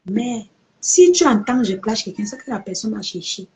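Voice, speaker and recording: Speaking at a normal pace in a medium, slightly mellow and expressive voice, a woman delivers a confrontational live video rant to her followers. This social media personality repeats her points for emphasis.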